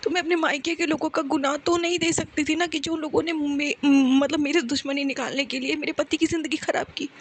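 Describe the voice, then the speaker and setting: Young woman at home, hushed voice, high pitched, pleading testimony to the congregation. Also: steady tone, brisk, few pauses. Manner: speaks softly and hushed on purpose; pleading, repeats the address to the listeners often. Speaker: devotee sharing testimony.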